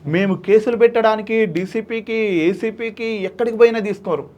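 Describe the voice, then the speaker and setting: A man, telling an emotional story in an interview, animated and acting out the voices of people he quotes. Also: high voice, normal speed. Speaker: social activist guest.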